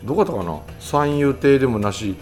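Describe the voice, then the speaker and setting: A man's voice: mid-range voice, expressive, a little fast, a little mellow, soft background music. A man with a Kansai accent telling anecdotes in casual chat, sometimes slipping into mimicked voices. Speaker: guest telling stories.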